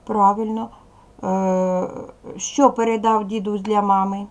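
A woman teaching a primary school class in a recorded video lesson, speaking clearly and patiently straight to the pupils. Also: medium pitch, little pitch movement, takes it slowly.

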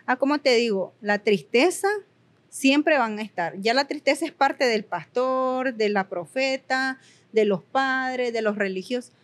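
A woman's voice: on the high side, unhurried. Earnest young woman. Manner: earnest, emphatic, repeats words for emphasis, quotes her own dialogues. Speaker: guest sharing her story. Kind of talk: candid personal testimony in an interview.

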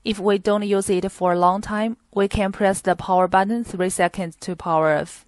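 A woman narrating a scripted product demonstration in a plain, steady reading voice with small grammar slips. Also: mid-range voice, moderate pace, dry recording. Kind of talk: scripted instructional voice-over.

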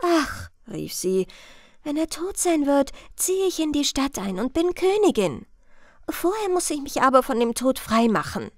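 A woman voicing a proud, clever young princess with a bright, questioning tone in a storybook reading. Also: sits high, very animated, unhurried, no echo, studio quality, voice pushed up. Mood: evasive.

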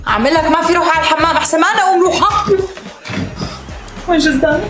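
A woman playing a sharp-tongued young woman on a dinner date, scolding quickly and insistently. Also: very high-pitched. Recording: roomy room with music behind.

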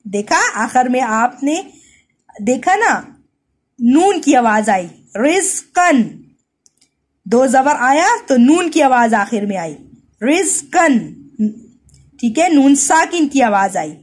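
A woman's voice: sits high, big pitch swings, unhurried. A woman teacher giving a recorded religious lesson to young children, spelling out letters and sounds and checking with "theek hai". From Pakistan.

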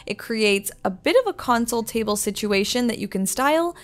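A young adult woman who works as an interior designer narrates home decor finds in an upbeat, enthusiastic shopping voice-over. Her voice is fairly high, expressive, and fairly quick.

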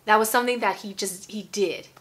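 A woman's voice: medium pitch, brisk, a bit bright. A woman in her forties giving a casual, emphatic sermon to camera at home, repeating phrases and checking in with "okay?". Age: 40s. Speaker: preacher. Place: indoor room at home.

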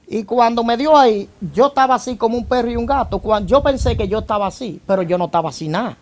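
A man's voice: very high-pitched, fast talker. A man giving a church testimony about his past as a gang member. He tells it vividly, acting out events and breaking in with praise phrases. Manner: vivid storyteller who acts out events and keeps adding praise phrases.

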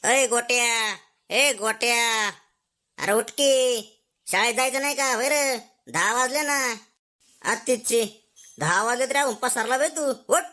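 Sex: woman. Figure: a woman doing a cranky father scolding his son. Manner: scolding and insulting, with rough slang. Tone: bright, cutting. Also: a little high, a little slow, long pauses. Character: scolding, foul-mouthed village father. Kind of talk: comedy sketch acting.

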